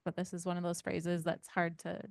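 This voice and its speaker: A woman's voice: on the low side, completely flat delivery, normal speed, creaky, no echo, clean studio sound. Woman giving an interactive parenting workshop. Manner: engaging, asks the audience many questions; leads the group through hands-on exercises. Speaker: parent educator.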